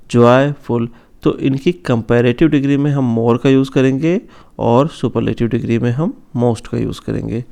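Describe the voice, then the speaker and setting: A man explains grammar rules to students in a calm, mellow voice. His tone is smooth and resonant, and he slows down carefully over each example word. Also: mid-range voice. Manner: slow, careful stress on example words. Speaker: English grammar teacher. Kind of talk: explanatory online lesson.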